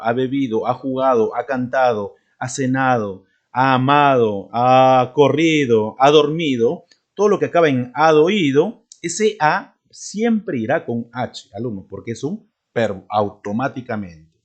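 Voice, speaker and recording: A man teaching a spelling lesson to students, checking often whether they follow. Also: medium pitch. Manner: addresses students, checks with frequent "¿de acuerdo?" and "¿no?".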